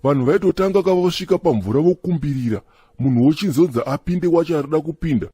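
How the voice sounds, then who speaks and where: Chikombera, a cartoon Zimbabwean apostolic church member, is voiced by an actor with a slightly high, husky tone and no echo. In this comic dialogue the chatty adult man is lively, fast and excitable, arguing and laughing as he talks.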